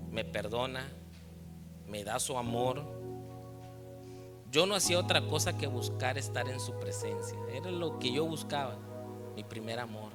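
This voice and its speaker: Man, Mexican Spanish accent, preaching, testimony, loud music bed. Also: medium pitch, in a large hall. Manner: personal testimony, questions to the congregation. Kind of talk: sermon. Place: church.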